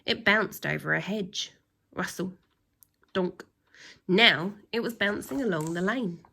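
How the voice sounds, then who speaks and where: A woman with a lowish, creaky voice reads a children's story like a teacher, drawing out words for emphasis and performing the sound effects.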